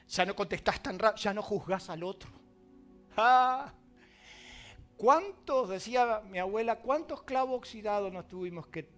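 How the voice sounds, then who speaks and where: High, bright Argentine preacher. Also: male voice. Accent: Argentine Spanish. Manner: dramatic, swings from loud emphasis to quiet asides. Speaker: pastor. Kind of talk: sermon.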